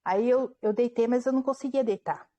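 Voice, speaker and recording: Woman telling a story in a warm, mellow voice. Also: on the high side, a little fast. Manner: animated retelling, acting out quoted dialogue, frequent tag questions. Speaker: author and interview guest. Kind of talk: personal storytelling in an interview. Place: at home.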